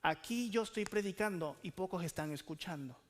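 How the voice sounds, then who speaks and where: A man's voice: high-pitched, brisk, in a large hall. A man preaching a sermon as pastor, asking the congregation questions and calling for answers.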